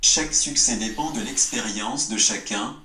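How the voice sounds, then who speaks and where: A man's voice put through a robot voice effect, reading a legal disclaimer in a steady, even way. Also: on the low side, normal speed, reverberant, slight background noise.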